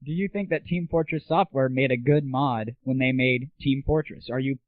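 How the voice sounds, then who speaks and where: A young man hosts a laid-back gaming audio show, chatting and putting questions to a guest as interviewer. His voice sits at medium pitch and moves at a moderate pace with no echo. The sound is tinny and phone-like, band-limited like 1990s internet audio.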